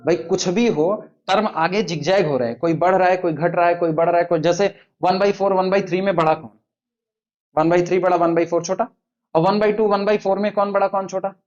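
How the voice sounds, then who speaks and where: A man teaching a math lecture at the board, quizzing his students and slowly counting through terms. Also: sits high, steady tone, darkish tone, muffled recording.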